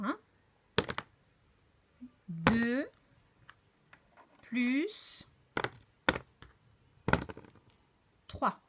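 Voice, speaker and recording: A woman teaching a remote preschool lesson in a French accent, sounding out syllables clearly and praising the children gently. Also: fairly high pitch, noisy background. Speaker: kindergarten teacher.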